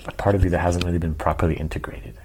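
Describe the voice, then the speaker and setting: A man's voice: low-pitched, level tone, racing, a little mellow, a little hiss or hum. A man telling a candid personal story in casual conversation, swearing freely and laughing as he retells moments. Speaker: podcast guest.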